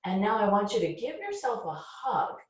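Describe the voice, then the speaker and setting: A woman leading a children's yoga class, giving gentle, encouraging step-by-step instructions. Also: mid-range voice, sing-song, normal speed. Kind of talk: guiding a kids' yoga class. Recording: distant, very echoey, dull-sounding room recording.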